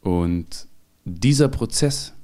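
Animated storytelling man. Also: lowish voice, extremely slow. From grew up in Germany after fleeing with his mother. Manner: animated, acts out quoted voices, laughs often. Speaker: guest comedian. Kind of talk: candid storytelling in a podcast interview.

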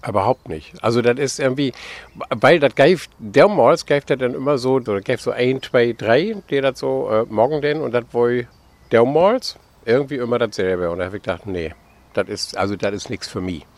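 A man, a guest on a radio talk, answering at length and pausing to find his words. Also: medium pitch, no room sound. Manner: hesitant, thinks aloud with fillers. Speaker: guest, actor and writer. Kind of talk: casual radio interview.

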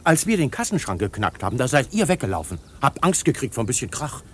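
Wily thief, swooping animated voice, faint hiss, radio play. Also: male voice, mid-range voice, fast talker. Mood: defiant. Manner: evasive, falsely cheerful.

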